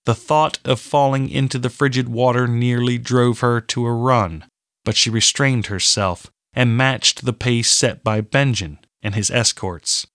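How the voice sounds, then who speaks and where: Slow, measured male narrator. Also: medium pitch, a bit bright, no room sound, clean studio sound. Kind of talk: scripted fantasy audiobook narration.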